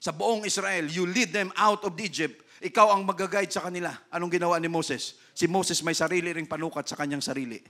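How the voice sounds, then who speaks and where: Bright high-voiced Filipino pastor preaching. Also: male voice, fairly quick, hardly any pauses. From Philippines. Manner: animated preaching, mixing Tagalog and English, acting out voices, frequent "No?". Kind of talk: sermon.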